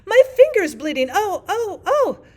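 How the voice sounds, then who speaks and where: A woman voicing a flighty, very old storybook queen in a loud, emphatic, bossy manner. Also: on the high side, big pitch swings, normal speed, voice pushed up. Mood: wailing, shrieking. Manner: loud, emphatic, exclamatory, bossy yet scatterbrained.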